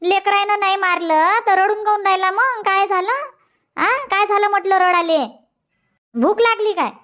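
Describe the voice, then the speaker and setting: An actor voices a fussy, nagging village grandmother in a cartoon comedy, using an extremely high, squeaky voice with a Vidarbha Marathi accent. She scolds and coaxes, firing the same question over and over. Her delivery is at normal speed, pushed and bright.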